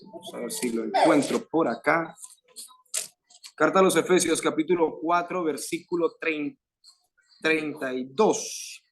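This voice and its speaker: Man, Venezuelan Spanish accent, sermon, fervent emphatic phrasing, higher voice. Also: unhurried, long pauses, a little hiss or hum. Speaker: youth preacher.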